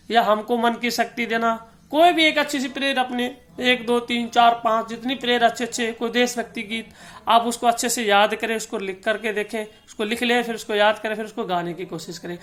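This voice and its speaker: A man giving a spoken music lesson, explaining terms slowly and repeating himself, now and then singing out drawn-out sargam notes as examples. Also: extremely high pitch, steady tone, fairly bright tone. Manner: slow repetitive explanation, stretching out sung sargam notes. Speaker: music teacher.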